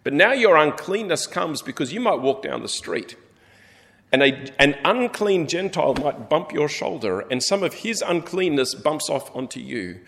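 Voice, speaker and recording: A man preaching a sermon, telling the story in an animated way and acting out the characters. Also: fairly high pitch, normal speed, creaky. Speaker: pastor. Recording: long hall reverb.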